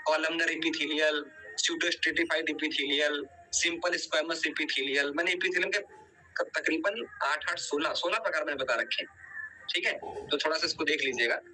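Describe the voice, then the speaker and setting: A man gives an online biology lecture. He speaks in a very bright, slightly raised voice over a faint background hiss. He explains each point step by step and keeps pressing the students to revise. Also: a little high, low-quality recording. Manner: explains step by step, often checks with "ठीक है"; quizzes students and urges revision. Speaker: teacher.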